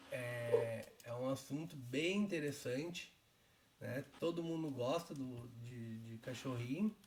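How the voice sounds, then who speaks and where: High-pitched chatty Brazilian man host. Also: darkish tone. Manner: chatty, explains step by step. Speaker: live stream host. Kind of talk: casual live stream chat.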